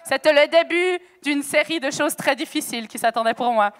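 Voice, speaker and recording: A woman preacher telling a lively testimony sermon, chatty and animated, acting out dialogue with bursts of laughter, on a stage microphone in a church hall. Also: high voice, brisk. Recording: long echo of a church hall.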